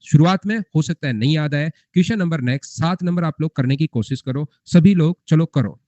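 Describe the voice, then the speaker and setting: A young male math teacher lecturing in a somewhat high, mellow voice, coaxing and repetitive, forever asking his students whether they remember. The sound is muffled and lo-fi, close and dry with no room echo. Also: a little fast. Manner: repetitive, coaxing, quizzing students with rhetorical questions. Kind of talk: live class lecture. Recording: muffled lo-fi recording.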